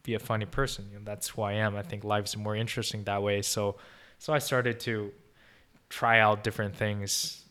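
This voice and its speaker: Speaking at a moderate pace with flat delivery, this young Chinese podcast guest has a fairly low, smooth voice with a bright, forceful tone. Chinese is his first language, and his casual, thoughtful answers are full of restarts and fillers.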